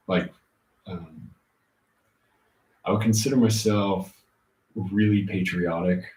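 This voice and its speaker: A man hosting a casual livestream, answering chat comments informally and thinking aloud in a halting way. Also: low-pitched, a little mellow. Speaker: livestream host. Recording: roomy, muffled, distant laptop-like mic.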